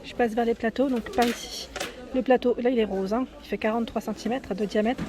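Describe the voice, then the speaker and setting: A woman with a high, bright-toned voice films a casual shopping vlog as she walks through a large store. She talks straight to her viewers in a chatty, friendly way and keeps tagging "hein" onto her sentences. The sound comes from a handheld phone. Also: fairly even intonation, brisk, a crowd in the background. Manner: chatty, adds "hein" often, addresses viewers directly. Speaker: vlogger showing store products. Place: inside a large furniture store, filming while walking.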